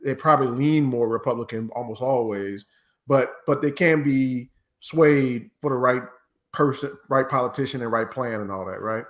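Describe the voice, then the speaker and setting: Man, American accent, medium pitch, casual podcast panelist, opinionated, argumentative. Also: moderate pace. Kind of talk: casual political podcast discussion.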